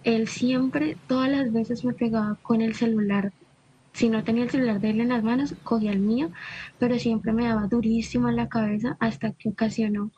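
A woman's voice: fairly high pitch, warm tone, slightly rough, no echo, highs cut off. Shaken woman giving testimony. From Colombia. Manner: halting, repeats phrases in quick strings. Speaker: interviewee. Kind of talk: recounting a personal testimony.

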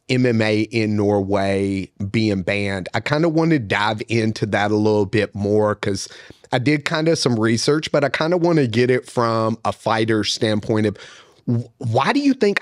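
On a studio set with a couch, a man in his thirties co-hosts a casual podcast interview, his questions relaxed, rambling, and full of fillers. He talks into a boom mic with headphones on, and the sound has no echo.

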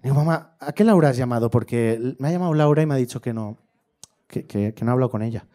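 A man doing a stand-up comedy set on a club stage, telling stories in an animated way and breaking into loud impressions of his family. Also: medium pitch, fast. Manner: animated storytelling, shifting into shouted impressions of family.

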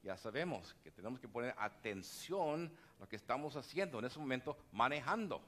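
A priest reading the Gospel and preaching at Mass in a church, in a conversational way with restarts and acted asides. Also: male voice, medium pitch, lively intonation, a little fast, fairly bright tone.

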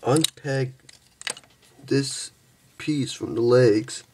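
Slow-talking young man reviewing a toy. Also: medium pitch. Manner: halting, stumbles and restarts often. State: tired, just woke up. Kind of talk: casual toy review with hands-on demo.

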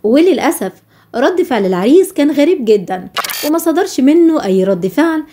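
Female Egyptian news voice-over, brisk, high-pitched, mellow timbre. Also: big pitch swings, slight background noise. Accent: Egyptian Arabic. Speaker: news narrator.

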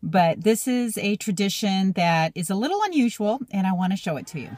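A woman's voice: medium pitch, sing-song, fairly quick, a little mellow, slight background noise. A middle-aged woman with an American accent, a real estate agent presenting a promotional vlog to camera from inside a car. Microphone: phone at arm's length.

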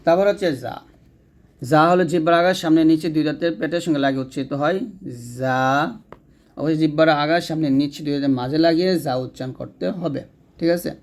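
His voice a little high, steady and a little mellow, a man races through a lesson on pronouncing Quran letters. Step by step he demonstrates each sound and checks in with his students, correcting slips mid-sentence.

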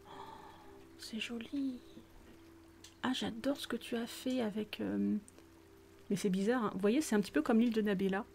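A woman's voice: fairly high pitch, normal speed, creaky, pauses often, warm tone, a little hiss or hum. A woman giving casual, gushing commentary on a game tour, exclaiming often and sometimes dropping almost to a whisper. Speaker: gaming video host touring viewers' islands. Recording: faint music behind.

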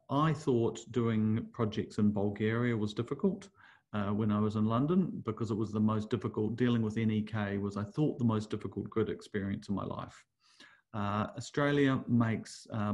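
Lowish and darkish in tone, a New Zealand-accented man in middle age delivers a conference talk as a webinar with slides. His speech is hesitant, packed with fillers and false starts.

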